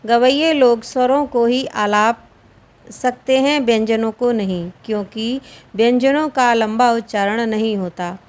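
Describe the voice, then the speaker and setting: Slow, high-voiced woman teaching Sanskrit. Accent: Hindi. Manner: slow, deliberate reading, drawing out each sound. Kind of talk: reading and explaining a grammar lesson.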